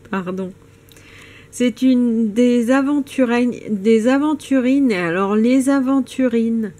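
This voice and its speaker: A woman's voice: mid-range voice, dark tone. A woman presenting stones in a casual vlog, hesitant and stumbling, with many fillers and restarts. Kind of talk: casual show-and-tell vlog.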